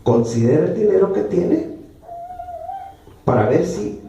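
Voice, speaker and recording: High-voiced emphatic man preaching. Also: sing-song, measured pace, mellow, slight background noise. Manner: emphatic, repeating phrases for effect. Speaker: pastor. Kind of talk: sermon. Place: church. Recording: echoey church room, mic far off.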